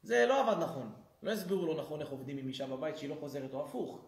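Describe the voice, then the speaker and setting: A man's voice: on the high side, gravelly. A man, a rabbi, giving a humorous lesson in a synagogue and acting out the people in his stories. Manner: lively storyteller who acts out quoted people. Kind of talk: humorous sermon. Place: synagogue hall. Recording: roomy synagogue echo.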